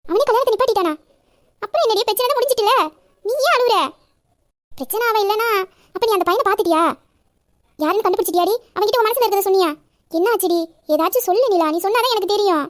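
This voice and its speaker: A woman voicing a caring, protective young village woman who questions her friend briskly and affectionately. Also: very high voice. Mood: worried. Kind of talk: Tamil village audio drama.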